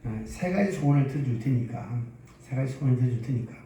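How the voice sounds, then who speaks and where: A man's voice: medium pitch, expressive, quick pace, dark tone, distant mic, slight background noise, close to an everyday voice. A man voicing a grateful forest fairy who offers three wishes. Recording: echoey hall from afar.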